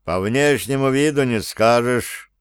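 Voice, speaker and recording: Fussy potion brewer, slow grumble, voiced by a male reader; storybook. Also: medium pitch, clear, resonant tone, no echo, clean studio sound, lightly acted. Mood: disappointed.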